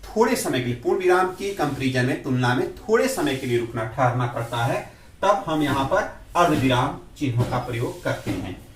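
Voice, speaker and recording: A man teaching a grammar lesson to students, explaining slowly and spelling out examples word by word. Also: mid-range voice, animated, a little hiss or hum. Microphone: far from the mic. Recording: echoey room, from a distance.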